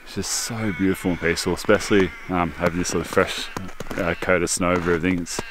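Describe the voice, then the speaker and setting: A man's voice: low voice, fairly even intonation, quick pace. An Australian man in his thirties vlogging casually from a snowy campsite, chatty and laughing often as he teases a mate. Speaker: outdoor vlogger. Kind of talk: casual camping vlog. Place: snowy bush campsite outdoors. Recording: noisy outdoor camera audio.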